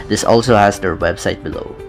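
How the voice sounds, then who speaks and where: A young fragrance reviewer with a lowish, gravelly voice narrates a little fast but in a steady, methodical way, carefully describing each detail as if reading a prepared script. Music plays clearly beneath him in a small indoor room with a brick-pattern wall.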